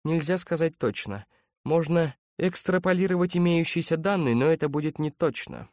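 A man voicing a calm, precise male android officer who speaks in a measured, clinical way. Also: a little high, dry recording, studio quality, voice pushed up.

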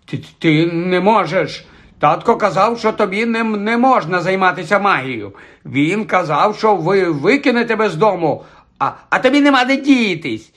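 A man's voice: mid-range voice, huge pitch swings, brisk, hardly any pauses, fairly bright tone, heavily acted. A man voicing a spoiled, bullying plump boy with a taunting, whiny sing-song manner in an audiobook. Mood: frightened. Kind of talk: audiobook character voice.

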